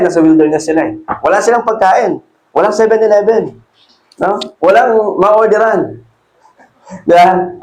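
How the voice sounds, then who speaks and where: Male pastor, high tenor voice, sermon in an echoey church hall. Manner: mixes Tagalog and English, reads Bible verses slowly; rises and grows louder when exhorting.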